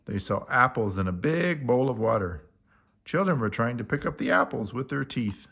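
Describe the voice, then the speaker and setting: A man reading a children's storybook aloud in an animated, expressive way. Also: medium pitch, normal speed, gravelly, slightly rough.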